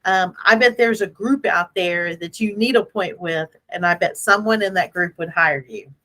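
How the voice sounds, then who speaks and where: A woman hosting a casual motivational business chat in an animated, playful, self-deprecating way, repeating phrases for emphasis. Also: on the low side, moderate pace, low-quality recording. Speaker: host.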